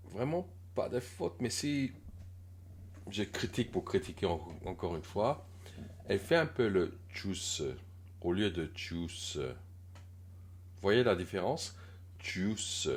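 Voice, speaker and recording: Man, very low voice, slow-paced, hesitant pronunciation coach, gentle critique, lots of pauses. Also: big pitch swings. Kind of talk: casual pronunciation lesson.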